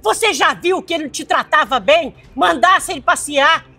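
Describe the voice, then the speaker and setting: A woman's voice: high-pitched, lively intonation, normal speed, bright, forceful tone, exaggerated voice. A woman with a Brazilian accent playing a protective, fiery mother who scolds sternly. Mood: scolding.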